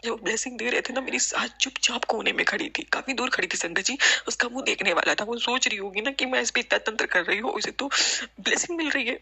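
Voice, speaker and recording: A woman shares a devotional testimony in an earnest, tearful voice, addressing her listeners over and over. Her voice is bright and sharp, with a gravelly, husky edge. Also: on the high side, fast. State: tearful, emotional. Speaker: devotional satsang speaker.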